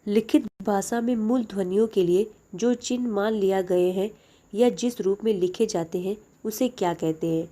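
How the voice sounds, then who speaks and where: A woman's voice: mid-range voice, moderate pace, mellow. A young woman teaching a lesson, reading out each exam question and then answering it plainly.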